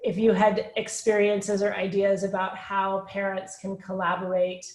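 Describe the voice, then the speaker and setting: A woman's voice: medium pitch, completely flat delivery, moderate pace, a little mellow. Hesitant woman teacher in an echoey room. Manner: hesitant, searching for words. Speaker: teacher asking a question. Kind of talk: online Q&A question.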